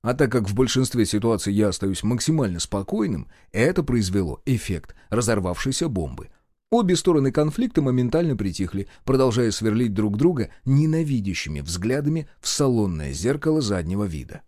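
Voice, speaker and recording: A man narrating a first-person audiobook in a steady, measured and expressive way. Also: medium pitch, no echo, studio quality.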